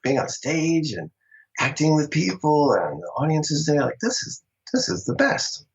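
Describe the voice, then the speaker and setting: A middle-aged actor from Long Island, New York, appears as a guest in a casual interview, recounting how he got his start in acting. His voice is slightly high with big swings in pitch at a normal pace, and he's chatty and laughs often. The audio sounds dull and lo-fi.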